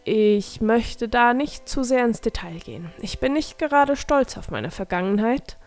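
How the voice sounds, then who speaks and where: A woman's voice: a little high, animated, a little slow. Woman reading a proud old creature gardener. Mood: proud fussy.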